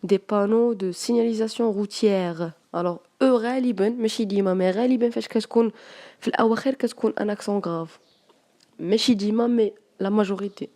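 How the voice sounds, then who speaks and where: A woman teacher with a Moroccan accent, going through French spelling exercises and dictating words slowly. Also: mid-range voice, warm tone.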